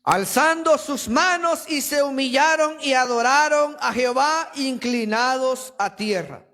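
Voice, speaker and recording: High-voiced man preaching emphatically. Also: a little slow, pushed and bright, slight background noise. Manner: emphatic preaching, addresses listeners as brother. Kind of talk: sermon. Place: church.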